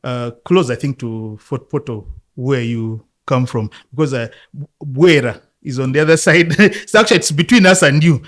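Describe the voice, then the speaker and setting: A man from Uganda in his fifties, a football coach, telling his life story in a relaxed interview, reflective and often laughing. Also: medium pitch, moderate pace. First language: Luganda.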